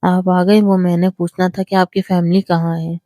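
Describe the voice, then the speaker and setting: A woman's voice: fairly low pitch, level tone, dark tone, dry recording, studio quality, lightly acted. A woman reading the part of a shy, grieving young woman in a storybook novel, speaking hesitantly and politely.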